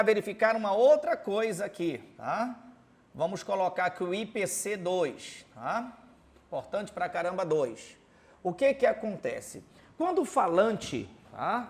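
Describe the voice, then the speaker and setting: A man's voice: high voice, very animated, unhurried. Paraense man teaching with quiz questions. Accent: Paraense (Belém). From Belém, Pará, Brazil. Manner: quizzes with constant rhetorical questions and tag "tá?"; writes examples on a board while explaining. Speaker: Portuguese teacher. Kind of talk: classroom grammar lesson.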